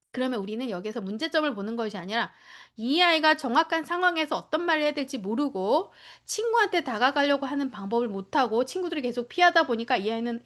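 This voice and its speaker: A woman training daycare teachers, lecturing in a lively way, acting out children's and teachers' lines and checking in with short tag questions. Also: high-pitched.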